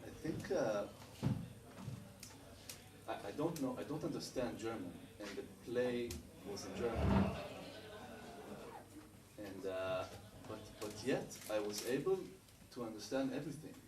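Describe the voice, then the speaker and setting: A man from Israel, the author of the adapted books, speaking haltingly to an audience after a performance, with many restarts. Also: lowish voice, animated. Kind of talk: post-show audience talk. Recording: echoey room from far off, noisy.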